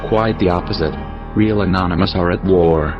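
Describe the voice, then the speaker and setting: A man's voice masked into a disguised, very deep tone, low and heavy throughout. He reads a scripted statement in a grave, steady, declaiming way. The sound is dull and lo-fi, with clear music playing behind him. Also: normal speed.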